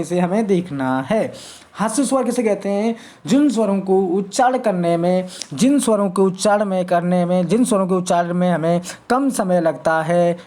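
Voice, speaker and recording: A woman teaching a Hindi grammar lesson for exam prep, asking questions and answering them herself, stretching vowel sounds slowly to demonstrate. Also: fairly low pitch, dark tone. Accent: north Indian Hindi.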